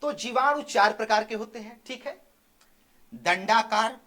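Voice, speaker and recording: High-voiced man drilling a lecture. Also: sharp tone. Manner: drills by asking and answering his own questions; repeats key terms slowly, constant "theek hai" check-ins. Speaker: teacher. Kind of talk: exam-prep biology lecture.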